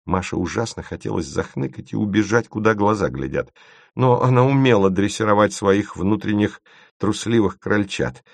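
A man reading an audiobook narration in an even, measured way. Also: lowish voice, vocal fry, dry recording, clean studio sound.

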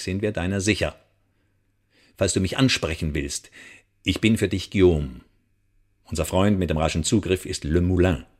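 In a radio play, an actor voices a smug French spymaster who blackmails with mock friendliness. His deep male voice sounds threatening, with taunting, theatrical emphasis.

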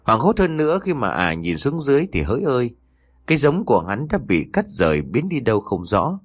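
A man's voice: mid-range voice, wildly swooping pitch, brisk, slightly rough. A man narrating a horror audiobook in a dramatic storytelling manner.

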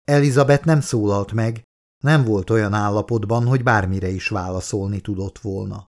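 A man reads his own novel aloud in a measured, steady voice. His pitch sits on the low side. It sounds like a plain audiobook narration. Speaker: author reading his own book.

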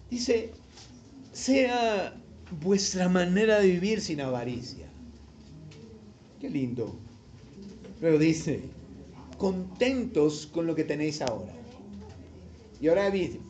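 Pastor guy preaching, high voice, slow and deliberate, keeps asking the crowd questions, kinda muffled recording. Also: darkish tone, slight background noise. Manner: calls out questions to the congregation and repeats scripture lines. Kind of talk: sermon. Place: church service.

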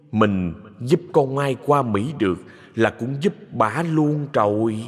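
A scheming male ghost, voiced by a man, drawling with a lively rise and fall. The voice is husky and trails into a long reverb. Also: mid-range voice.

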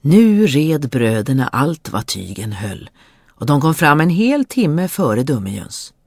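A storyteller reading a fairy tale aloud in a lively, expressive way. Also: medium pitch, husky, no room sound, studio quality.

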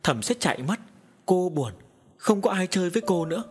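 A man putting on a clingy childlike ghost girl from an audiobook story, whining and pleading in a high voice that swoops up and down, faint music underneath. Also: expressive, a little fast. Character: childlike simple-minded young woman ghost, clingy.

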